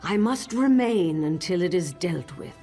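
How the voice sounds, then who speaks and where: A woman voicing an imperious old wizard master in a fantasy game, husky, formal and haughty in a measured delivery. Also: lowish voice, animated, dark tone, faint music behind, exaggerated voice. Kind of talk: fantasy game dramatic acting.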